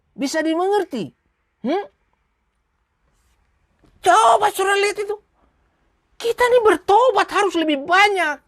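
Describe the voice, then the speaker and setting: A woman's voice: high-pitched, dry recording, studio quality. A woman preacher, giving a sermon full of scolding rhetorical questions and small acted-out skits. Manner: acts out quoted voices in short skits.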